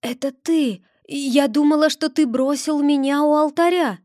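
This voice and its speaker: A woman reading an audiobook, voicing a grieving high witch who speaks in a tearful, passionate way. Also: measured pace, a little mellow, no room sound, clean studio sound.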